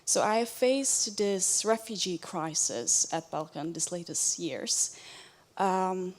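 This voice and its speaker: A woman's voice: fairly low pitch, slow. Woman asking the panel a question in english, lots of uhs. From Bosnia. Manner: hesitant, with many filler sounds. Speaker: audience member asking a question.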